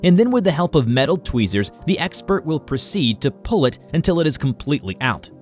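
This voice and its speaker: A man's voice: a little high, big pitch swings, a little fast. A man reading a scripted educational medical explainer in a formal, instructional way. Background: music.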